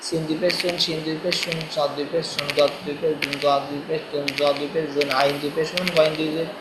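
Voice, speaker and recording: A man's voice: a little high, level tone, fast talker, heavy background noise. A male teacher giving a recorded reading lesson, patiently chanting letter drills line by line. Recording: echoey room, faint ambience.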